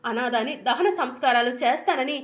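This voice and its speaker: A wronged young wife, bitter and accusing, speaking in a high voice, as a woman narrator reads her lines. She presses her husband with question after question and ends them with "sir". The part is told as a dramatic story recap. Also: fairly quick, close to an everyday voice. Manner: reproachful questions ending in "sir".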